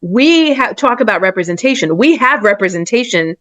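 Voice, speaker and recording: A chatty woman, talking as a podcast guest. Her voice is mid-pitched and swings between highs and lows, and she laughs easily. The recording is dry and close, with no room sound. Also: brisk, no echo, highs cut off. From New Jersey and New York area. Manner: animated, laughs often. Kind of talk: casual chat.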